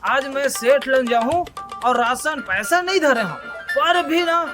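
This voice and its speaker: High-pitched blustering Chhattisgarhi village man, acted by a man. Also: a little slow, music in the background. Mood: grumbling, demanding. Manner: blustering, repetitive. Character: belligerent male village customer demanding credit, boastful nephew. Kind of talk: amateur village comedy skit acting.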